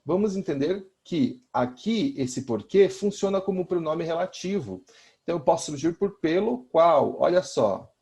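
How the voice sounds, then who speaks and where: A man's voice: a little high, expressive, moderate pace, vocal fry, a little mellow. A man with a Brazilian Portuguese accent teaching a recorded lesson, explaining step by step and often checking in with his students.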